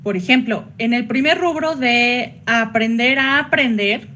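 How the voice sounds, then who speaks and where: A woman psychologist giving a workshop online, chatty, with sudden high jumps when she acts out quoted voices. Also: a little slow, sharp tone, lo-fi sound, slight background noise.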